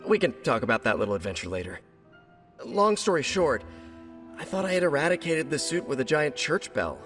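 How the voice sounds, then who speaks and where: A man's voice: fairly high pitch, sing-song, brisk, a bit bright, soft background music. An American man playing a young, nerdy, wisecracking superhero in a video game, chatty and joking in a stop-and-start delivery. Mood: awkward, confiding. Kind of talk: video game cutscene dialogue.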